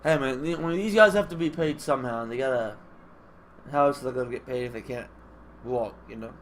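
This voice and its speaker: Talking a little fast at medium pitch, a man with a stuffy, nasal voice from congestion rambles casually while hosting a gaming video, musing aloud as he goes. His mic picks up clear background noise.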